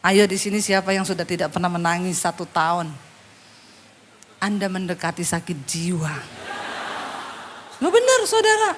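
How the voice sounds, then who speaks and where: A woman pastor preaching a sermon, telling stories in an animated, joking way, dropping to hushed asides and rising for punchlines. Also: on the low side, moderate pace, long pauses, a little hiss or hum. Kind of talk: sermon with storytelling.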